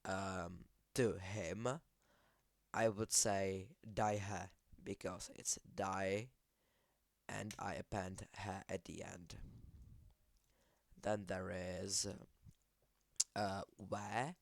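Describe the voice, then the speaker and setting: A low, gravelly-voiced man with a Czech accent, a Czech native speaker, explains his notes in a casual, hesitant way. He speaks slowly and fairly flatly, stumbling over words and stopping to fix them. The sound is close and dry. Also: dry recording. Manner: hesitant, many fillers and self-corrections. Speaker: language creator explaining his project. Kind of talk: casual screen-share explanation.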